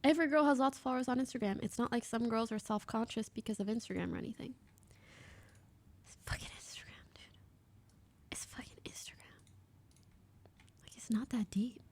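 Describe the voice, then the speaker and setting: A woman's voice: on the high side, fairly quick, long pauses, a little mellow. A woman in her twenties from Canada, a streamer chatting bluntly and casually while reacting to clips and reading chat.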